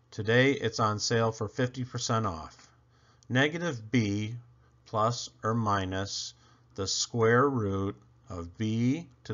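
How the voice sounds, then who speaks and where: Reading a children's picture book aloud, a man takes on an animated storyteller voice, emphatic and dramatic with playful swoops. His voice is lowish, and the recording's highs are cut off.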